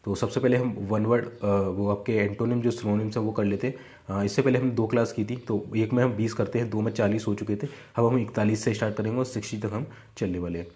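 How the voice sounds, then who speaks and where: A man's voice: on the low side, steady tone, fast talker, dark tone. A young adult man teaching exam vocabulary in a casual, conversational way, often checking in with his students. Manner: conversational, repeats 'है ना' and 'ठीक है'. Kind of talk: casual Hindi lesson.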